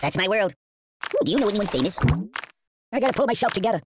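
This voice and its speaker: An actor voicing a small male ragdoll toy in a mobile game, high and cartoonish, pleading, yelping and cracking jokes nonstop. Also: sing-song, quick pace, noisy background, close to an everyday voice. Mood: quippy. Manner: yelps, pleads and quips nonstop. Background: loud game music.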